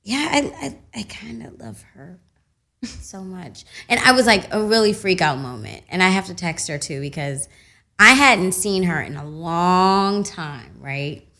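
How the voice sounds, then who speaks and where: A young woman, an actress guest, chatting casually in a radio studio and telling animated stories with laughter. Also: lowish voice, measured pace. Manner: animated storytelling, laughing, loud when excited. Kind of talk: casual radio interview chat.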